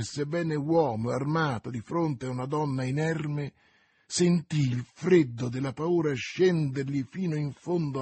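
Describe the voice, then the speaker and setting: Man reading an old novel aloud, slow and measured, husky, dry close sound. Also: mid-range voice, a little mellow, no echo. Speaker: audiobook narrator. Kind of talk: audiobook narration of a classic novel.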